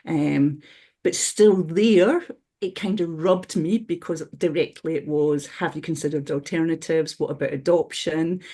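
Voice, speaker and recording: A Scottish woman with a low, mellow voice speaks at a measured pace on a webinar panel. Her casual talk is reflective, full of restarted sentences and "you know."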